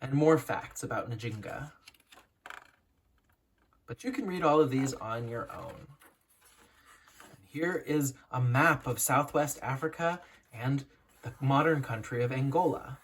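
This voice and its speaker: A slight hiss or hum sits under this educator's reading of a children's picture book. The voice is mid-range and a bit husky, and the telling is instructive with purposeful emphasis.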